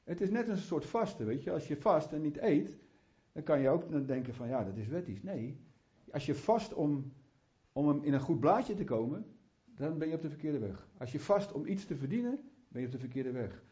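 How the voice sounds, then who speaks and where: A man's voice: a little high, sing-song, moderate pace, hardly any pauses, warm tone. A man preaching a sermon in a fervent, conversational way, with chatty asides and restarts, often rising into heartfelt prayer. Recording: muffled lo-fi sound.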